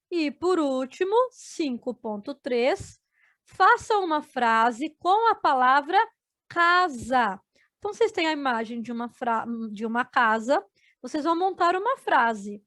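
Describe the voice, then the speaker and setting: A woman's voice: sits high, animated, a bit bright, dry recording. A Brazilian woman teaching an adult education video lesson, spelling out words syllable by syllable for her students. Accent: Brazilian Portuguese. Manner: slow, syllable-by-syllable explaining to students.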